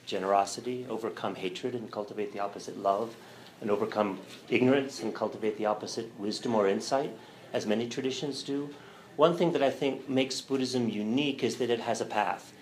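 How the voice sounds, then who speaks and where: A middle-aged man, a religion professor, giving a relaxed, thoughtful lecture with fillers and a light sense of humor. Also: on the low side, a little hiss or hum, poor audio. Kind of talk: lecture to a church audience.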